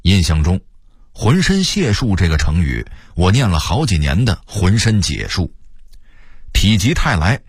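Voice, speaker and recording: A man in his sixties from Beijing with a Beijing accent, telling a story in a relaxed, chatty way for radio. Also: low voice, moderate pace, husky, dry recording, studio quality.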